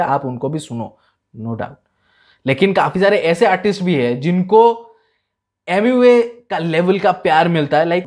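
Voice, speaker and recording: A young man hosting a music reaction, talking casually and excitedly, dropping "man" and "bro" and switching between English and Hindi. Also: on the high side.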